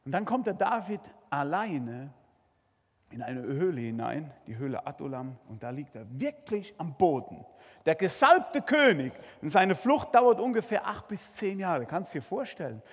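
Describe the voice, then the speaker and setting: A high, husky male voice preaching with swooping, lively intonation and sudden bursts of intensity. He talks straight to his listeners with rhetorical questions. The sermon rings out with the long reverb of a large hall. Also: moderate pace. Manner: dramatic, addresses listeners directly with rhetorical questions.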